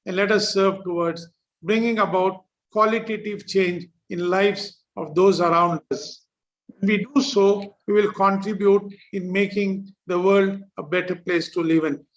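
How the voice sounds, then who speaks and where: A man with a notably high-pitched voice delivers a formal ceremonial address. He reads a prepared speech in a measured, dignified way, as a district governor speaking to club members. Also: a bit bright, rough recording.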